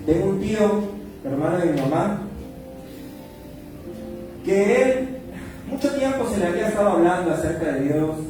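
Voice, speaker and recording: A man, a pastor telling a personal testimony in a sermon, recorded from a distance in a church hall with music behind. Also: sits high. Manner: storytelling, animated when acting out quotes.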